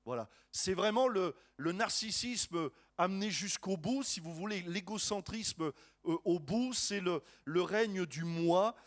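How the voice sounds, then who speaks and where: A man preaching a sermon as a pastor, lively and joking, with many restarts and asides to the congregation. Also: high-pitched, a little slow.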